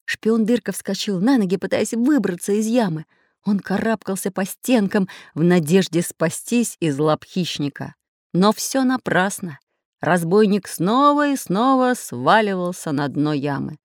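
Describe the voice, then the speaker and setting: A woman reading a children's adventure story aloud with expressive storytelling. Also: mid-range voice, measured pace, dry recording, studio quality. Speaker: narrator. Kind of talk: children's audiobook narration.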